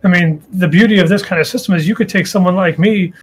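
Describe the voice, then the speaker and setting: A man's voice: high voice, fast talker, husky, soft background music. A man co-hosting and moderating a casual debate show, joking and self-deprecating. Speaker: co-host and moderator. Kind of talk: casual podcast chat.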